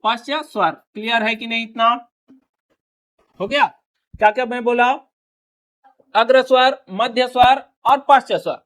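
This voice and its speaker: A man's voice: very high voice, steady tone, a little slow, pauses often, fairly bright tone. A male teacher giving a classroom grammar lesson, asking his students question after question and repeating each answer back to them.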